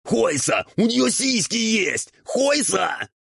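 A man's voice: medium pitch, big pitch swings, fairly bright tone, husky, no echo, studio quality, voice pushed up, exaggerated voice. A man voicing an old, sly and whiny male ghoul mentor who bickers indignantly in an audiobook. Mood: pleading. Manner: quick, indignant squabbling. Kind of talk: audiobook character voice.

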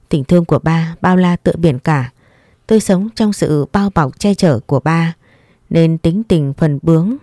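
Woman, story narrator, calm sorrowful reading, low mellow voice, dry close sound. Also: no echo. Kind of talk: first-person story narration.

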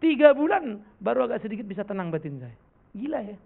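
Lively high-voiced preacher, gravelly and tinny. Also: male voice, quick pace. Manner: animated, joking, rhetorical questions. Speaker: pastor. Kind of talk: conversational sermon with Q&A. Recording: tinny lo-fi recording.

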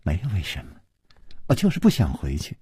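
一位男评书演员在演播一位微醺、娇嗔的年轻女子，声音轻柔压低。. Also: male voice, sits low, wildly swooping pitch, fairly quick, breathy edge, no echo, studio quality, voice pushed down, heavily acted. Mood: teasing. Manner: soft, hushed, teasing. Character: tipsy coy young woman.

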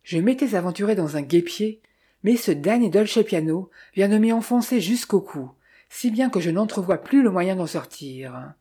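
A woman's voice: mid-range voice, expressive, normal speed, mellow, husky. A woman reading as a worried young clerk. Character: young male clerk, worried amateur detective. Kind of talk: audiobook dialogue reading.

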